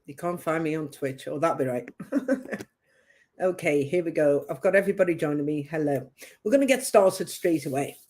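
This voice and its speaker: A woman's voice: sits low, moderate pace, a little mellow. Woman, light Geordie-tinged northern English accent, psychic medium on a live stream, chatty, rambling, laughs a lot. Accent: northern English with a touch of Geordie. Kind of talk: casual live-stream chat.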